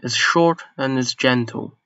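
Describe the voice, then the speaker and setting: A man's voice: mid-range voice, sharp tone, clear, resonant tone, no room sound. A man whose first language is Mandarin Chinese gives a casual spoken lesson, searching for words and sometimes poking fun at himself. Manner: unhurried, searching for words, self-deprecating. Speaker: video creator explaining a language. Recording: slightly dull lo-fi recording.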